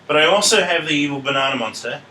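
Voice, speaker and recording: A man's voice: a little high, expressive, fast, recorded from a distance, background noise. A male teacher, telling a playful story in a maths lesson and feigning confusion to draw out his pupils. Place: classroom.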